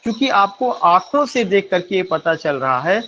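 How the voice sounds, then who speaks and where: A man with an Indian accent teaching English poetry. He explains slowly, mixing Hindi and English, and asks questions that he answers himself. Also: sits high, very animated, pushed and bright, slight background noise. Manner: mixes Hindi with English phrases. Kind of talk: classroom lecture. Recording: muffled lo-fi lecture recording.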